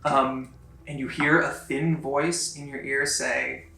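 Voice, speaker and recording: A man narrating a tabletop game as game master, lively, laughing often and building suspense. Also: mid-range voice, measured pace. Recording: roomy, distant mic, faint music.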